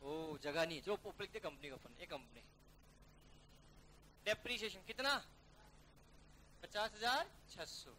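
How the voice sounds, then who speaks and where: Male teacher, bright forceful voice, drills a class through a worked problem, faint hiss behind. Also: sits high, animated. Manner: brisk, coaxing students to call out figures; calls students "beta" and "yaar". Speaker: accounting teacher.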